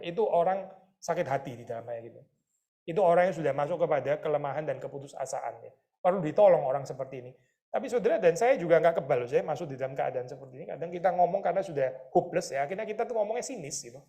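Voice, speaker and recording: Fast-talking male pastor preaching. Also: fairly high pitch. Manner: lively, rhetorical questions, addresses listeners as saudara; mixes English words into his talk. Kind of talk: conversational sermon.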